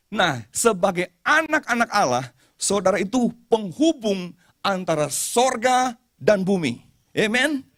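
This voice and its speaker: A man preaching a lively sermon at a church service, playfully acting out the people in his stories. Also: sits high, no room sound, studio quality. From Indonesia. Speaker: pastor.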